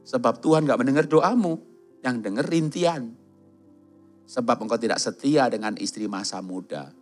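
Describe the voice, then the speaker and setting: Middle-aged man, pastor, sermon, animated storytelling, faint music behind. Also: mid-range voice. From Java. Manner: storytelling with jokes and lively quoted voices. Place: large church hall.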